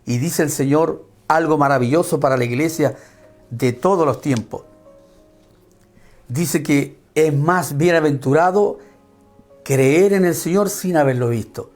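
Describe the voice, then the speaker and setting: A man preaching a sermon, fervent, with sweeping rises and falls in pitch and pace. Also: measured pace, darkish tone, faint music behind.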